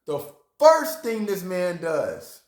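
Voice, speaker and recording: A man preaching a sermon, talking straight to his congregation, acting out reactions and breaking into high exclamations. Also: wildly swooping pitch, slow, darkish tone, reverberant. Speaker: pastor.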